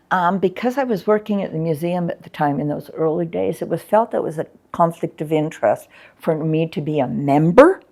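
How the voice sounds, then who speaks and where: A woman's voice: deep voice, creaky, dark tone. An older woman, chatting frankly in an interview and reminiscing about her arts work, with plenty of ums. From Canada. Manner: candid and frank, chatty with many fillers. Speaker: interviewee, former arts coordinator. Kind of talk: reflective interview chat.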